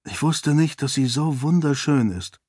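A man's voice: a little high, animated, measured pace, a little mellow, slightly rough, dry recording, clean studio sound, pitched above the performer's own voice. A man voicing a worried young prince in an audiobook, lifting his voice for the role.

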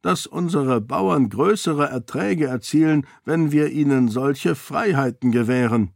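A man voicing an aged, dignified duke who speaks in a measured, commanding way. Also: medium pitch, vocal fry, darkish tone, no room sound, clean studio sound, pitched above the performer's own voice. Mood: stern measured.

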